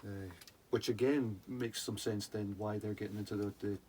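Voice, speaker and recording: A man with a fairly low voice talks casually and loosely, often drifting off before he finishes a thought. He sounds like the co-host of an informal show, recorded in a room with some background noise. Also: fairly even intonation, normal speed, mellow. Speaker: co-host of a whisky review show. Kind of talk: casual chat. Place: attic room. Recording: clearly noisy room recording.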